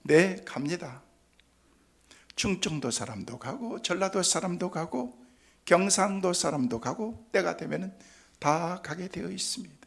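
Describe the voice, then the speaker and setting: A middle-aged man, a senior pastor, preaching a sermon in a folksy storytelling way, with jokes and sudden hushed tones. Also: high voice, animated, a little slow, creaky.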